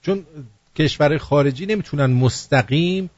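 A man with a husky, slightly raised voice hosts a satirical show. He reads messages and rhyming verse with mocking humour. The sound is dull and dry. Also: fairly high pitch, no echo. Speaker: host.

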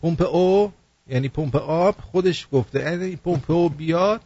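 A man's voice: on the high side, a little mellow, slightly rough, dry recording, muffled recording. A man hosting a satirical show, reading out messages and rhyming verse in a jokey, mocking way. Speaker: host.

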